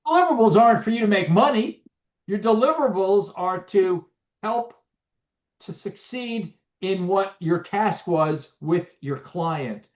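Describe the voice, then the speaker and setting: A middle-aged business owner being interviewed, talking casually with many restarts and fillers over a video call. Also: male voice, high voice, animated, a little slow. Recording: muffled lo-fi audio.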